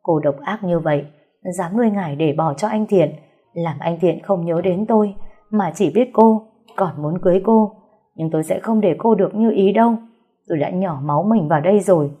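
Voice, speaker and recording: A woman's voice: on the low side, normal speed, breathy edge, phone-quality sound. A woman reading a novel aloud voices a desperate young wife who hurls accusations. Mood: accusing. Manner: accusing, heated.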